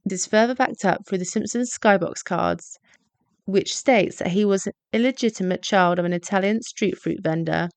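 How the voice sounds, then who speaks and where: A woman, reading a scripted video essay narration in a measured, explanatory way. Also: mid-range voice, gravelly, no echo.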